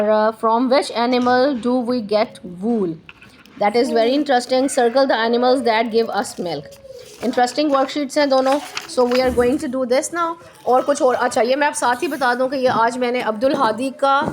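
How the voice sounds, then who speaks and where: A woman teacher giving a classroom lesson, drawing out words slowly and slipping into quick Hindi asides, prompting and repeating answers. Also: a little high, a little hiss or hum. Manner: slow, drawn-out English and quick Hindi asides.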